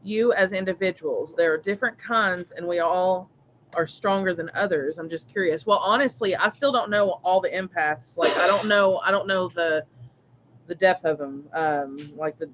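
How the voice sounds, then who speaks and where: A man's voice: high voice, normal speed, fairly bright tone, a little hiss or hum. A man hosting a live spiritual reading stream, rambling casually with many fillers and restarts. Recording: dull lo-fi stream audio.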